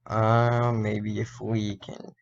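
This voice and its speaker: A man talks through his animation work in a casual, think-aloud tutorial, often stopping to correct himself. His voice is a bit hoarse and gravelly, and he speaks at an unhurried crawl. The recording sounds dull and lo-fi. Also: fairly low pitch, completely flat delivery. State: slightly hoarse. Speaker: indie game developer and animator.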